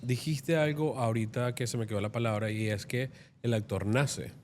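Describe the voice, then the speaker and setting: A man's voice: medium pitch, moderate pace, darkish tone, slight background noise. Guy hosting an interview, medium voice, asks thoughtful, admiring questions. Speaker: interview host.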